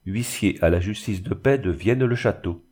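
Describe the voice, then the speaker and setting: A man voicing an obsequious, smooth-talking village bailiff with an unctuous, honeyed manner. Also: fairly low pitch, moderate pace, a little mellow, natural voice. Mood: wheedling.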